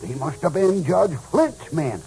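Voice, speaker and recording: An actor playing an excitable, folksy American cowboy sidekick who talks in exclamations, in old-time radio western style. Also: male voice, fairly high pitch, a little slow, a little hiss or hum. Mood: excited, puzzled.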